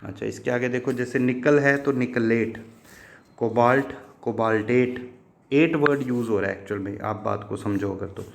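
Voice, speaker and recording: A man's voice: medium pitch, moderate pace, creaky, a little hiss or hum. A man teaching chemistry in a patient, repetitive way, asking questions and answering them himself and addressing his students fondly as children. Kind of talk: classroom lesson explanation.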